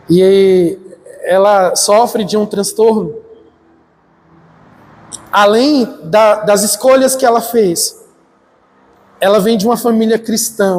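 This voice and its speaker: A middle-aged man from Northeast Brazil, a pastor telling personal stories in a sermon and acting out the dialogue. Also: sits high. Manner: animated storytelling, acting out dialogue. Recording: church hall with long reverb, faint noise.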